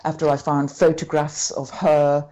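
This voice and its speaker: A woman with a low, mellow voice speaks as a guest in a conversational interview. She talks haltingly and often stops and restarts her sentences as she recounts events. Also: flat delivery, lo-fi sound.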